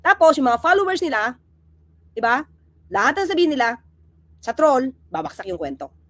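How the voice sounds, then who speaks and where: High, lively, sarcastic woman commentator. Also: normal speed, no room sound. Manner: rhetorical, keeps asking "di ba?"; sarcastic, acts out little scenes. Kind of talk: impassioned spoken commentary.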